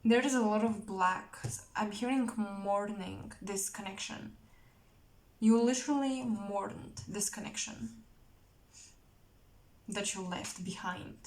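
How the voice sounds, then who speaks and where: A woman giving an intuitive tarot reading straight to the viewer, halting and searching for words, earnest and emotional. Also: medium pitch, darkish tone, low-quality recording. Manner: slow, halting, searching for words with many restarts. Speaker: tarot reader.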